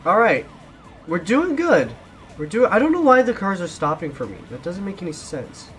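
A man's voice: high-pitched, big pitch swings, normal speed, a bit bright. Jittery young man narrating gameplay. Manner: jittery, repeats himself when panicking. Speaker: gaming YouTuber. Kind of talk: casual gameplay commentary.

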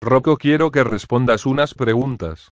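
A male synthetic voice playing a strict schoolteacher with a formal, flat delivery. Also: medium pitch, moderate pace, no room sound, dull audio, lightly acted. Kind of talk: text-to-speech cartoon fan video.

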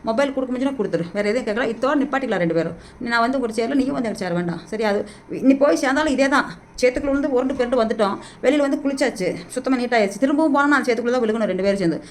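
A middle-aged woman talks into the phone in her hand at a rapid-fire pace. Her voice sits a touch high and her plea keeps circling back. A faint hiss of background noise runs underneath. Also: lively intonation. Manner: pleading, repetitive, rapid-fire and agitated. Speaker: vlogger. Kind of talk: emotional direct-to-camera plea. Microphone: phone held in hand.

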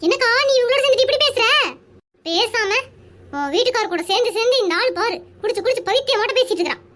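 A woman voicing a shrill, nagging village housewife in a cartoon. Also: animated, a bit bright. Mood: scolding. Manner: shrill, nagging, quick to scold. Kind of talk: animated cartoon dialogue.

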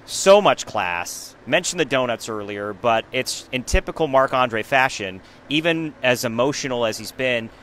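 A man's voice: medium pitch, normal speed, few pauses, slight background noise. A man in his thirties hosting a casual post-game sports chat, recorded on a phone held at arm's length rinkside in an empty hockey arena. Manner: upbeat, lively, jokey interviewer. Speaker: sports show host.

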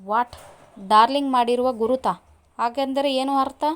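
A woman's voice: on the high side, steady tone, moderate pace, natural voice. A woman voicing a young woman in love who is jealous and indignant, read in a story.

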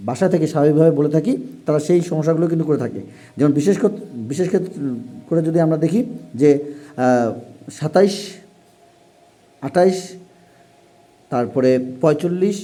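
A man teaching a lesson at a fast clip, his voice somewhat high yet very dark and mellow. He explains formally and repeats points, with many pauses between phrases. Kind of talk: classroom lesson for parents and young pupils.

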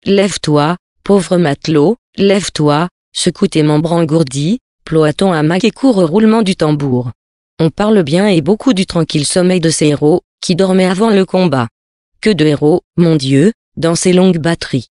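A man's voice: a little high, normal speed, a little mellow, dry recording, studio quality. Man reading a sea story aloud. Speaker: reader.

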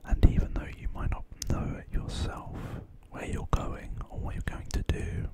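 Young man's whispered ASMR pep talk. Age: 20s. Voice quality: breathy unvoiced whisper. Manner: slow, gentle, reassuring, philosophical rambling. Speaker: ASMR creator. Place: small quiet bedroom. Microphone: close large studio microphone on desk.

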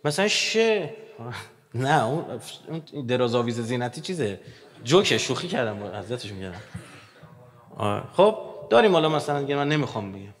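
A man lecturing with lively energy, his voice swinging between loud bursts and quiet asides as he jokes with the audience. His pitch sits in an ordinary middle range for a man. The recording carries a long, hall-like reverb. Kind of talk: religious lecture.

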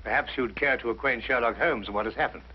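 An actor playing a bluff, eager British gentleman doctor in a 1950s drama, with a blustery, polite manner. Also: mid-range voice, fast talker, a little hiss or hum, lightly acted. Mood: helpful, tactful. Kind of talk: 1950s television drama acting. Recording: muffled 1950s television soundtrack, music.

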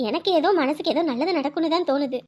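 A woman's voice: high-pitched, fast, darkish tone, close to an everyday voice. A woman playing a caring young wife who reassures her husband, sometimes scolding, in a serial-style drama. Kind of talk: TV serial acting.

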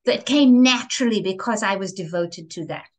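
A woman speaking as a guest in an interview, expressive and theatrical, with lively emphasis on key words. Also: medium pitch, moderate pace. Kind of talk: enthusiastic interview conversation.

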